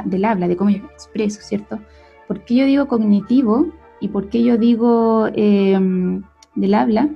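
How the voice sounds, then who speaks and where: A woman's voice: medium pitch, creaky, husky. A young woman with a Chilean accent, a speech therapist giving a conversational lesson who keeps checking in with her listeners. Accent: Chilean Spanish. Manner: conversational, often tags sentences with a questioning "ya?" or "cierto?". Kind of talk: explanatory lesson. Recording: dull lo-fi recording with faint music.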